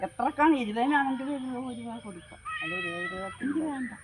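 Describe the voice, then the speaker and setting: A woman's voice: high voice, wildly swooping pitch, quick pace. A woman customer with a Kerala Malayalam accent, haggling in casual chat. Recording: noisy outdoor phone recording.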